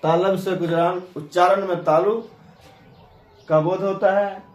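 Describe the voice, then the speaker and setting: A man teaching a grammar lesson, sounding out letters one by one in a slow, deliberate way. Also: high-pitched, fairly even intonation, a little mellow. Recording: echoey room with faint ambient noise.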